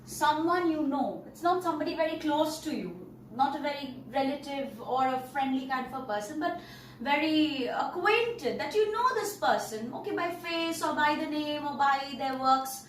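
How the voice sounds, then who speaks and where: A woman teaching an English story lesson, explaining words slowly and checking in with "okay" and "all right". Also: high voice, animated. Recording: roomy, distant mic, faint noise.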